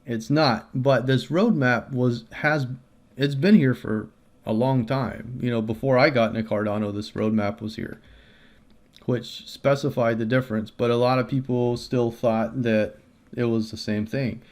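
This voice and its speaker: A man's voice: mid-range voice, fairly even intonation, a little slow, a little mellow. Casual man explaining a screen walkthrough. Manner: casual, explanatory, many fillers and restarts. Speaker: crypto video creator.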